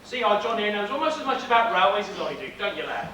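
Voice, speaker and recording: An actor playing a friendly, folksy railway porter in an amateur stage play. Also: male voice, high voice, very animated, fast, a crowd in the background. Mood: chatty. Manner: homely, folksy, a bit teasing. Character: friendly older male railway porter, chatty. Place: theatre stage. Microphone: distant audience recording. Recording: echoey hall from far off, noisy.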